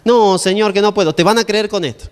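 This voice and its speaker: A man's voice: high-pitched, fairly quick, clear, resonant tone, long reverb tail, close to an everyday voice. A man playing a pleading, reluctant old Moses. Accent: Argentine Spanish. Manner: pleading, hesitant.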